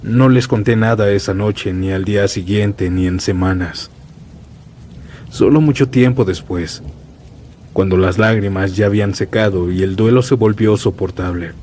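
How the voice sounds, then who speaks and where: Solemnly and dramatically, a storyteller with a fairly low voice tells scripted horror tales in the first person, keeping a moderate pace. Behind him, a rainstorm provides a steady backdrop of rain and thunder.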